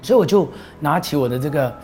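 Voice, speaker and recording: A man's voice: a little high, animated, quick pace, a little mellow, soft background music. A middle-aged man, a pastor giving an earnest, proclaiming talk that he mixes with personal stories. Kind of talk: preaching talk on a show.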